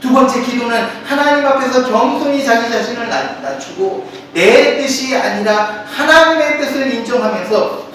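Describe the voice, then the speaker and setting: A high-pitched male pastor gives a friendly, conversational sermon, speaking straight to his congregation. He's recorded from a distant mic in an echoey hall with background noise.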